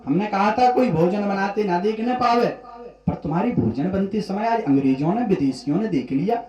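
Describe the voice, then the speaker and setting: A man's voice: high voice, animated, moderate pace, darkish tone. A man preaching, voicing a stern but loving elderly male guru who scolds and comforts his disciple. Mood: scolding. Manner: scolding, then fatherly. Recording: echoey hall.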